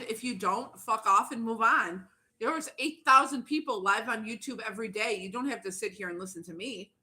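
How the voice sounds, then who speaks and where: A woman's voice: fairly high pitch, pushed and bright. A woman livestreaming as a YouTuber, chatting in a blunt, profane, fired-up rant while eating. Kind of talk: casual ranting livestream chat.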